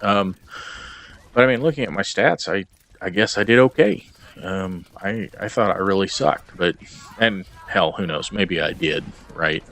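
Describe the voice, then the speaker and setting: A man's voice: low-pitched, measured pace, a bit bright. A man recording a casual video log about his game stats, rambling and hesitant with plenty of ums and uhs. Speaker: gamer vlogger.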